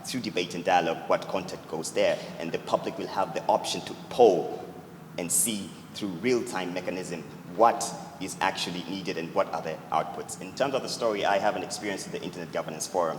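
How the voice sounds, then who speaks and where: Deep-voiced founder fielding judge questions; earnest, leans on "actually"; long reverb from a big hall. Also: male voice, slight background noise. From Tanzania. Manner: earnest, repeats "actually" often. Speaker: startup founder answering judges. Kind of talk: pitch Q&A answer. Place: event hall. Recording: echoey hall with loud ambience.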